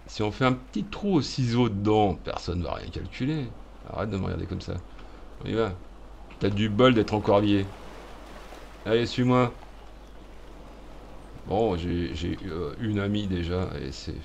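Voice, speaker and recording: A man's voice: fairly low pitch, creaky, highs cut off, a little hiss or hum. A man hosting a let's-play video, making jokey, sarcastic commentary and muttering asides as he plays. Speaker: gaming video host.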